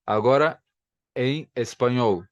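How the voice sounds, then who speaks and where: A man's voice: mid-range voice, slow, no room sound, lo-fi sound. A man teaches a language lesson at home, patiently repeating words to demonstrate sounds. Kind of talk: explanatory video lesson. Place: home room, filming himself. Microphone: camera facing him.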